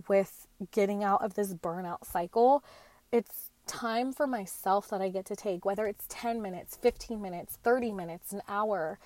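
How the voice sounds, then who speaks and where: With a medium, slightly mellow voice, a late-twenties podcast host talks on her own in a casual, sincere way. She drops in slangy asides. The recording is dry.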